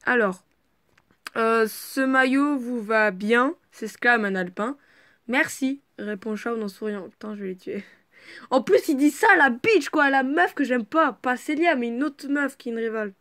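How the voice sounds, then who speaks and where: Brief: a woman with a somewhat high voice reads a fan story aloud at home. She keeps breaking off into chatty asides and swears freely. Her remarks jump up into loud, excitable bursts. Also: moderate pace. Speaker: reader of a fan fiction. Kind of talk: casual reading aloud with chatty commentary.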